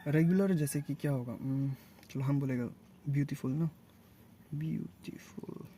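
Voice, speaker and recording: A man teaching a casual grammar lesson, asking and answering his own questions and repeating words slowly. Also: mid-range voice, mellow, slight background noise.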